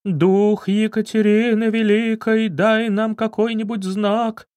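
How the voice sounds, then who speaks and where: Guy doing a fake baroness lady, high voice, slow spooky intoning, very dry sound. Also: level tone, a little mellow, clean tone, dry recording. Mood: solemn. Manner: drawn-out, solemn, spooky intoning. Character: scheming fake baroness, theatrical, hysterical woman.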